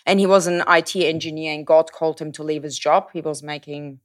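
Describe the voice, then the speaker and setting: A young woman from Germany, a German native speaker with a German accent, chatting casually as a podcast guest and telling a lively story, sometimes hunting for the right English word. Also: deep voice, a little fast. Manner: lively, self-correcting, searches for English words.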